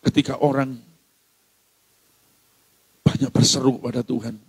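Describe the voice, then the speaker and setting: A man preaching a sermon, swinging between hushed tones and shouts and breaking into sung phrases. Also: medium pitch, little pitch movement, measured pace, gravelly, slightly rough, no echo. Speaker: pastor.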